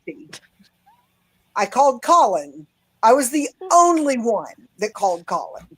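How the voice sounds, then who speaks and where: A woman's voice: fairly high pitch, very animated, normal speed, slightly rough, no room sound, poor audio. A woman co-hosting a livestream in casual conversation. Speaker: livestream co-host.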